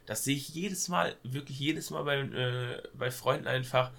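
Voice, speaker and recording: Sick with a cold, the young podcast co-host chats loosely, stumbling over fillers and tossing in youthful slang. His voice is medium-pitched, somewhat bright, and creaky, and he talks a little slowly.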